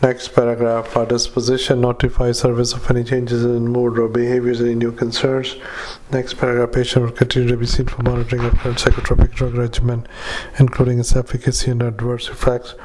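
A man dictating a patient note into a dictaphone, halting with many fillers and reading out punctuation and paragraph breaks. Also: mid-range voice, monotone, darkish tone, slight background noise, rough recording. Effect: dictaphone recording. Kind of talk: medical dictation into a recorder.

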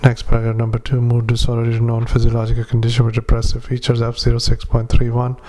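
Monotone male doctor on a dictaphone. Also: mid-range voice. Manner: flat, halting dictation with many fillers, spells out names. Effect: dictaphone recording. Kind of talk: dictating a medical report into a dictaphone.

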